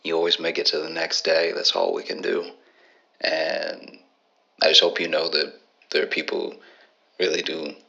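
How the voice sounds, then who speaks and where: A man playing a gruff man who phones a friend to say goodnight, speaking slowly and earnestly. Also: lo-fi sound, full character voice. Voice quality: gravelly, very deep. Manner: slow, soft, earnest, halting.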